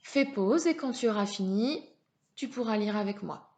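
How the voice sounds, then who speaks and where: A woman teacher leading a reading lesson for young children, slow and patient, sounding out syllables. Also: mid-range voice, lively intonation, dark tone. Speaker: primary school teacher.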